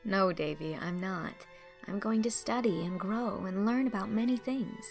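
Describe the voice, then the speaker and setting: A woman reads as a gentle young guardian in a storybook. Her voice is mid-pitched with some creak, and she speaks in a measured, affectionate, patient way over faint music. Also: close to an everyday voice. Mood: thoughtful. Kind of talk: audiobook character acting.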